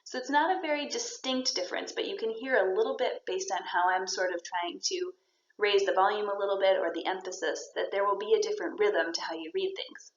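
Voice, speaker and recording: A woman's voice: mid-range voice, a little fast. A woman teacher walks her students through a poetry lesson, explaining each point step by step and praising their answers. Her voice carries around a roomy space, and the sound is a little dull and lo-fi. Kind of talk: recorded classroom lesson.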